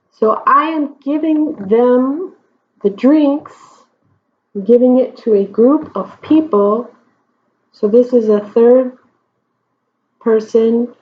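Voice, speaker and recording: Slow, deliberate woman teaching grammar. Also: medium pitch. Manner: slow, deliberate explanations with frequent check-ins. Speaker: Spanish teacher. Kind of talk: whiteboard grammar lesson. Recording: dull lo-fi recording.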